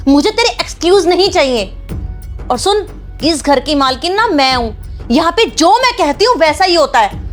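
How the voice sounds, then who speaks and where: A woman's voice: high voice, big pitch swings, normal speed, soft background music. Woman playing a bossy scolding mother-in-law. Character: strict domineering mother-in-law, middle-aged woman. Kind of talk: short family drama skit.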